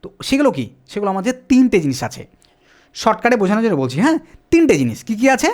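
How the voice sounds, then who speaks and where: Teacher at a whiteboard, pitch jumps up and down a lot, keeps asking "right?". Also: huge pitch swings, rapid-fire, darkish tone. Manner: asks questions and answers them, repeats "ঠিক আছে?". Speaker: Quran reading teacher. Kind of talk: whiteboard lesson, explaining step by step.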